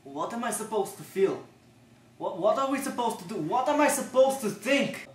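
A teenage boy acting as a brooding young orphan investigator in a student film, earnest and questioning, quick to anger. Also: high voice, expressive. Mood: distraught. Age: teens. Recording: echoey room, distant mic.

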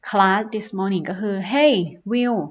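In an online lesson, a woman teacher with a Thai accent slowly reads English sentences aloud, then explains them in Thai with filler words. Her voice is medium-pitched, and the audio sounds dull.

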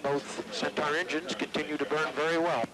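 A man's voice: fairly high pitch, little pitch movement, moderate pace, crowd noise, poor audio. A man giving technical status reports on a rocket flight over a radio loop. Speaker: flight systems commentator.

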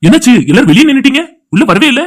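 A man plays a devoted young man in an animated family drama, pleading with his father-in-law. The voice sits very high and races along. His delivery stays earnest and heartfelt. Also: very fast, soft background music. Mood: teasing. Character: young man, anxious, devoted loyal friend. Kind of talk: cartoon voice acting.

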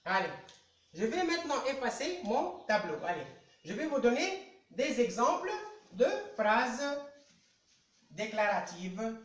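In an echoey indoor room, a man who teaches primary school French gives a live online lesson at the chalkboard. His pitch is extremely high and sing-song, and he patiently, slowly coaxes pupils to answer, repeating "allez" to prompt them.

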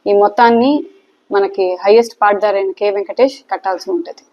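A woman official giving a formal statement to the press, haltingly and repeating words. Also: medium pitch, steady tone. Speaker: local government official. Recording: dull, lo-fi sound.

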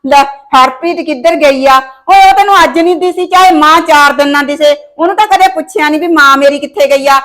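A woman's voice: high-pitched, fairly quick, few pauses, fairly bright tone. A woman playing a domineering, scheming mother-in-law in a village comedy short film, scolding her son.

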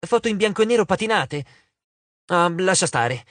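A clever, determined teenage girl, as a male narrator reads her, coaxing and persuasive. Her voice sits a little high and moves lively through each line. This is a storybook reading in a dry room. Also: normal speed, no room sound.

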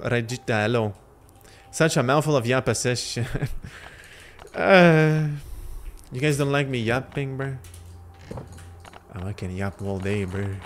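There's a little hiss or hum on this clip of a young man streaming a game indoors from home. Lithuanian is his first language, and his mid-range voice comes through a headset as he rambles loosely in slang and responds to chat between game moves.

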